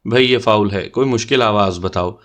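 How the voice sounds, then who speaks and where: A man's voice: fairly low pitch, a bit bright, natural voice. A man voicing a teasing playful young man. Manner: mischievous, bantering.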